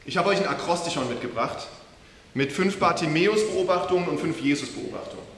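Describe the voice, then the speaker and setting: A man preaching a sermon, telling the story in a lively, casual way and talking directly to his listeners. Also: a little high, brisk, creaky. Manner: lively storytelling, addresses the audience, casual slang. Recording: echoey hall with faint hiss.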